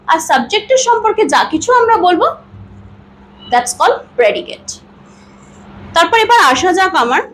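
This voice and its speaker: Lady teacher, super high voice, bouncy and animated, asks herself questions then answers, drags words out syllable by syllable. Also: a little hiss or hum, low-quality recording. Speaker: English teacher. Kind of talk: classroom-style grammar lesson.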